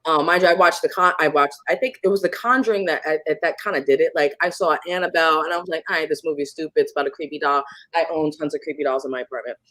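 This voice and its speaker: On a casual podcast, a woman guest tells a ghost story of her own, animated and acting out moments with sudden pitch jumps. She speaks fast with few pauses, and the recording is dry.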